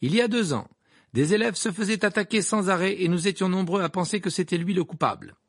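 A man voicing a gossipy woman newspaper reporter, reading out a sensational article in an insinuating tone with a husky voice. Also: sits high, quick pace, no room sound, clean studio sound, pitched above the performer's own voice.

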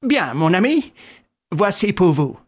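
A man's voice: high voice, very animated, slow pace, breathy edge, voice pushed up, exaggerated voice. A man reading an audiobook, voicing a self-satisfied English detective who talks in a hearty, bossy way.

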